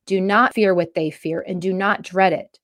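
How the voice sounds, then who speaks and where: A woman's voice: fairly low pitch, fairly even intonation, normal speed, fairly bright tone. A woman comedian speaking earnestly and urgently to her viewers about faith and freedom, with frequent restarts. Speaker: comedian giving a faith message. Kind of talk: impassioned direct-to-camera talk.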